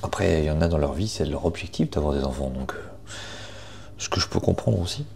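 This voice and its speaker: A young man chatting casually in a morning vlog, informal and self-deprecating, with a gravelly morning voice full of vocal fry. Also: very deep voice, expressive, fairly quick, darkish tone. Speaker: vlogger.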